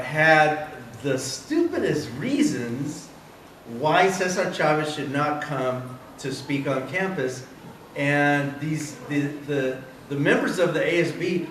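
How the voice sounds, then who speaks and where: A middle-aged editorial cartoonist from San Diego, California, rambles through digressive anecdotes at a convention, chuckling at his own stories. His voice is a little high, and the recording has a slight hiss or hum. A distant mic in the roomy hall picks up faint ambience.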